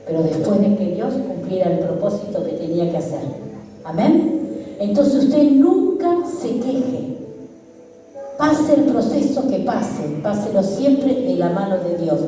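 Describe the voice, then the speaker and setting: Brief: middle-aged Argentine woman pastor, fervent repetitive sermon, dark mellow tone, echoey hall from far away. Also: medium pitch, big pitch swings, unhurried, slight background noise. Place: church hall.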